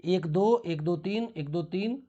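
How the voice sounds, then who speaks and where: A man with an Indian accent teaching English grammar in a classroom, explaining slowly in Hindi mixed with English and spelling words out. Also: high-pitched, warm tone, lo-fi sound.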